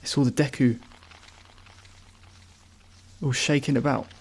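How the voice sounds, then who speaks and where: A man's voice: medium pitch, steady tone, measured pace, husky. A man giving casual, off-the-cuff commentary as he reacts to a video. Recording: music behind the voice. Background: music.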